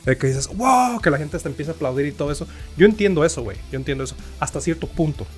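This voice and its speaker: A man's voice: fairly high pitch, expressive, very fast, soft background music. A young man with a Mexican accent in casual chat, bantering in heavy slang and swearing. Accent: Mexican Spanish.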